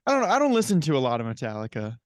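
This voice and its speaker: A man hosting a podcast interview, easygoing and chatty, nodding along with quick affirmations. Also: medium pitch, huge pitch swings, no room sound. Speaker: podcast host. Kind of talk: casual interview chat.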